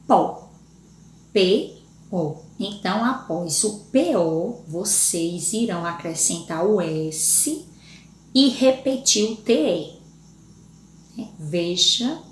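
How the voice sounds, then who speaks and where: This teacher's voice sits on the low side with a fairly bright tone. She leads a lesson for young children in Brazilian Portuguese, patiently spelling out letters and syllables and frequently checking in with the class, all in an echoey room.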